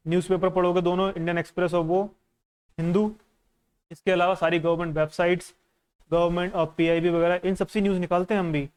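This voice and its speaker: A man with a fairly high, smooth and clear voice, teaching exam candidates in a relaxed way. He talks straight to the listener and keeps checking in as he goes. His speech is laid-back but guiding, with English phrases mixed in. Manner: conversational and instructive, often checking in with the listener. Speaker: exam coach. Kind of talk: casual teaching while going through a newspaper.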